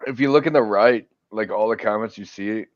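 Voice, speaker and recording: A man livestreaming in casual chat, animated and laughing often. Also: lowish voice, fairly quick, no echo, lo-fi sound.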